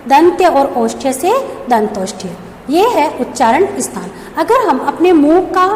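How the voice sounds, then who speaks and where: Female teacher, high voice, reverberant room; poses questions and answers them, spells letters slowly. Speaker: school teacher. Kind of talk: classroom grammar lesson. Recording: echoey room with faint background hum.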